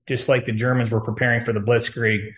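A man's voice: medium pitch, flat delivery, a little fast. A man speaking as an interview guest, giving long-winded, urgent, unscripted warnings in a conspiratorial political vein. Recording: echoey room.

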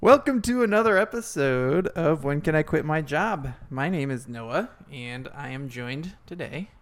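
A man's voice: on the high side, expressive, a little slow. A man hosting a casual podcast chat, rambling and chatty, laughing often. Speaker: podcast host.

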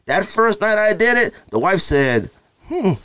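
A high-pitched, clear, resonant voice, a little slow and recorded dry, comes from a married adult man hosting a sneaker podcast. In a relaxed solo chat with an ad read, he stays animated and joking while addressing listeners directly.

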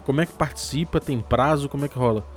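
A man's voice: medium pitch, fast, soft background music. A man with a Brazilian Portuguese accent hosts a podcast in a casual, chatty, slangy way. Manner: informal, slangy. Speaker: podcast host.

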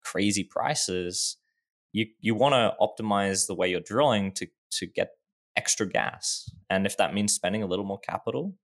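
A man's voice: lowish voice, normal speed, a bit bright. A man in his twenties, a startup founder guest in a casual podcast interview, explaining his work with frequent restarts and fillers. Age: 20s.

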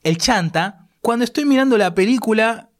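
A man's voice: high voice, lively intonation, moderate pace. An Argentine man co-hosting a laid-back podcast. He talks in a loose, meandering way and keeps restarting his sentences mid-thought. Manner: rambling, restarts phrases often. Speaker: podcast co-host. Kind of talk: casual chat.

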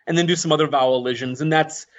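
This conlanger and author talks quickly in a casual interview, his high-side voice holding a steady tone. He speaks thoughtfully, with frequent restarts and fillers, and the podcast recording is muffled and dull.

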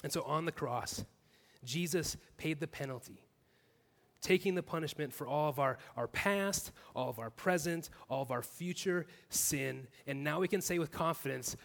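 A male pastor delivers an earnest sermon, stacking his points in repeated clauses. His voice sits a little higher than most men's. The sound rings with the long reverb of a church hall. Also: normal speed, gravelly, a bit bright.

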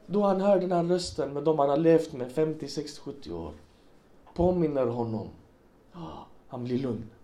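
This preacher's voice is on the high side, warm and expressive, as he addresses a congregation. His religious talk moves through stories and rhetorical questions aimed at his listeners.

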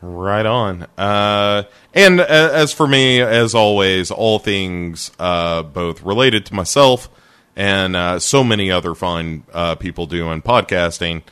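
A man's voice: low-pitched, slow, fairly bright tone, clear, resonant tone, dry recording. A man hosting a podcast, chatting casually and joking, with many fillers. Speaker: podcast host. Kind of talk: casual chat.

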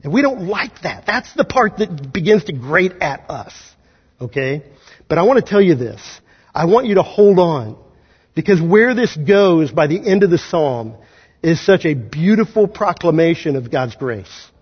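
High-voiced husky pastor preaching in a hall. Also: male voice, sing-song. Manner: conversational preaching with quick acted asides. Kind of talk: sermon. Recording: dull audio in a large hall.

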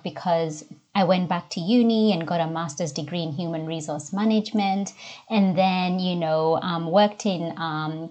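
A middle-aged woman from Kenya with a softened Kenyan accent, giving measured, reflective interview answers about her own life and work. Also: lowish voice. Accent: Kenyan, softened by years in Australia. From Nairobi, Kenya. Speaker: interview guest, diversity and inclusion coach. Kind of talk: conversational interview answers, personal story.

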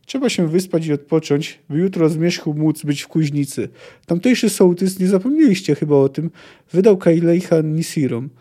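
A scornful young elf outlaw woman, as a man reads her lines aloud. She sounds sharp and dismissive, in a voice pitched high with a mellow tone. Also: normal speed, close to an everyday voice.

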